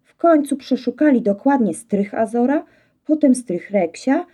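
A woman reading a children's story aloud in a lively, playful storytelling manner. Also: sits high, a little slow, husky.

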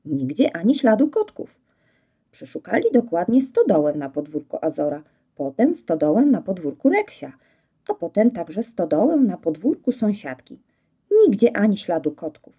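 A woman reading a children's story aloud in a lively, playful storytelling manner. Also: mid-range voice, husky, narrow, tinny audio.

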